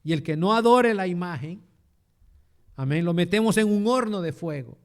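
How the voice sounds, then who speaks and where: A proud ancient king barks out orders, put on by a male preacher. The voice sits high and rings out loudly, pressing every demand. It stays close to the preacher's own voice, with little disguise. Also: expressive, normal speed. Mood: commanding. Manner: loud commanding decrees.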